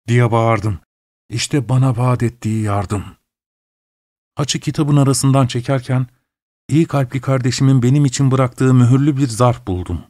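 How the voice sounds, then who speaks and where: A man's voice: medium pitch, dark tone, no echo, studio quality. A man reading a first-person story aloud in a grave, dramatic, mournful manner. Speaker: audiobook narrator.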